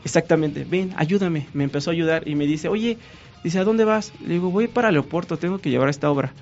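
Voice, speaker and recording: A man with a Mexican accent tells a long story as a guest, acting out the voices of the people he met in a lively way. His voice sits a little high for a man. The audio is muffled and lo-fi, with faint music underneath. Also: fast talker. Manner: animated, acts out quoted dialogue. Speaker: guest painter. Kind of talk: casual storytelling.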